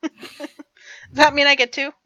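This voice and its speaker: A woman playing in a tabletop game, in quick, laughing banter with her group. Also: high voice, level tone, pushed and bright, dry recording, rough recording. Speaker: player. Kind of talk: casual chat at a tabletop game.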